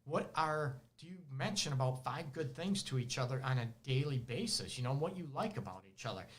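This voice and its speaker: Detroit male counselor host, animated advice monologue, laughs a lot, mid-pitched voice. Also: a little fast. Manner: animated, laughs often, acts out clients' voices. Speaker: relationship counselor and show host. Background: dogs barking at times.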